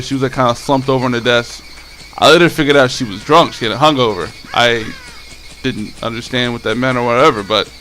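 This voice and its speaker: A man's voice: mid-range voice, sharp tone, a little hiss or hum. Rambling young man telling a story. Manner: rambling, profane, many restarts. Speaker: vlogger. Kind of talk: casual storytelling.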